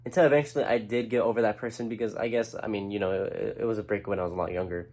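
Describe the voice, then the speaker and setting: A young man speaks very fast to the camera in a lowish, steady, darkish voice, opening up about his feelings. As a vlogger he comes across as earnest and rambling, restarting sentences and swearing casually.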